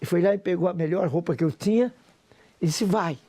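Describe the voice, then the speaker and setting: A man's voice: sits high, a little fast, warm tone. A Brazilian man in his sixties, a pastor, giving an emotional, preacher-like personal testimony with a Brazilian Portuguese accent. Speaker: pastor and businessman.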